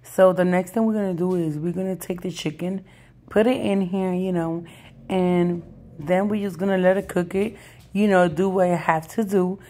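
A woman with a raspy, hoarse voice that is giving out, chatting casually and encouragingly to viewers as a budget cooking vlogger. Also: on the low side, fairly even intonation, moderate pace, warm tone, slight background noise. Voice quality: raspy, husky, breaking voice. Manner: addresses viewers familiarly, encouraging. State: losing her voice, hoarse. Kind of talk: casual chat to viewers over cooking demonstration. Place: home kitchen.

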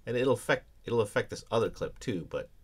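This audio production instructor's voice is medium-pitched with a breathy edge, animated and a little fast. He teaches audio editing in a casual screencast tutorial, peppered with ums and restarts.

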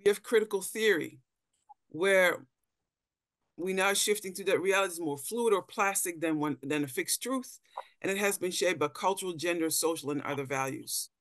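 Speaking at a moderate pace in a fairly low voice, a middle-aged Dutch anthropologist gives a panel talk with slides over a video call from an indoor room. She often repeats words while searching for phrasing. The sound is clean studio quality with no echo.

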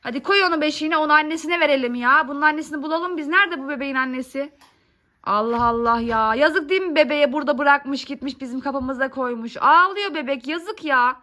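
A woman, a mother, chatting with her small children in a casual family vlog, coaxing and gently scolding them. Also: sits high, a little fast. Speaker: mother filming her kids.

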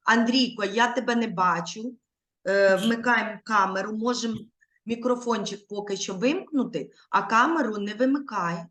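A woman's voice: medium pitch, moderate pace, a bit bright. A woman teaching young children in an online lesson over a video call, patient and coaxing.

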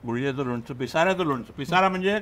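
A man's voice: a little high, expressive, rapid-fire, a bit bright. An older man, a guest at a family lunch, eagerly explaining dishes and mixing with English. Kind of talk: casual chat over lunch. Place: open-air terrace dining table.

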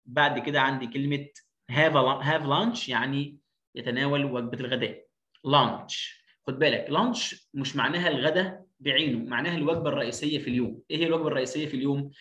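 A man's voice: mid-range voice, sharp tone. A man with an Egyptian Arabic accent teaching English phonics, repeating each word again and again with emphatic stress. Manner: drills words by repeating them, emphatic. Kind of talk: online lesson. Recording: roomy echo.

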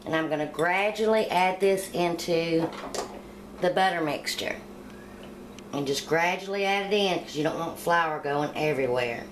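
A middle-aged woman walks through a baking recipe in a homey, plain-spoken way, her voice sitting a little low. She talks casually in a home kitchen, picked up by the camera mic with a faint room hum behind her. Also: moderate pace. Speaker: home cooking channel host. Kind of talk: casual cooking demonstration voice-over.

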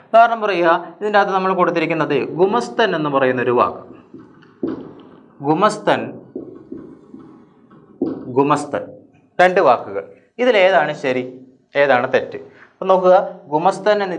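A man teaching a grammar lesson for exam students. He asks questions and answers them himself, and repeats each word slowly. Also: fairly high pitch, a bit bright, dull audio. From Kerala. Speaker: Malayalam teacher.

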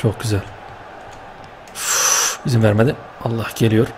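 A young man giving lively, excitable commentary while playing a football video game, cheering and scolding his players with slang. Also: on the low side, normal speed, a little hiss or hum. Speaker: gaming YouTuber.

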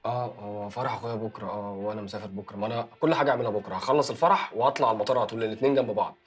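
An actor with an Egyptian accent playing an evasive young man who makes smooth excuses to his girlfriend. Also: on the low side, close to an everyday voice. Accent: Egyptian Arabic. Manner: smooth, fast excuse-making. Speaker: actor in a TV drama series. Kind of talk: TV drama acting.

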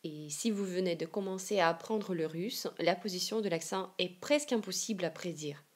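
A woman from Siberia with a Russian accent, teaching a language lesson online and explaining slowly and carefully. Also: fairly low pitch. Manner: slow, careful explanations with example readings.

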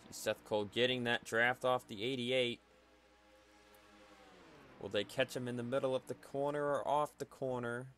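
Guy calling a sim race solo, steady mid-pitch voice, bit of hiss in the background. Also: moderate pace, long pauses. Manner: calm, analytical play-by-play that rises sharply at wrecks. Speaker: race commentator. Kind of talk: solo sim racing commentary.

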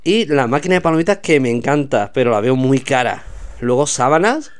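A man's voice: mid-range voice, big pitch swings, brisk, clear, resonant tone. A man casually walking through a supermarket aisle, pointing out products to his viewers. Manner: chatty, pointing things out to viewers. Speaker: vlogger showing store products. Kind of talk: casual walkthrough narration.

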